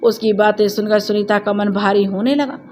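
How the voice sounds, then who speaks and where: A woman telling a scripted family drama story in a steady, plain narrating voice. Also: medium pitch, normal speed, slight background noise.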